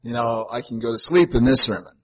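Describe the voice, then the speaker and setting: An older man preaching a sermon to his congregation in a conversational, folksy way, wandering into asides and gentle humor. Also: medium pitch, fairly quick, breathy edge. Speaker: pastor.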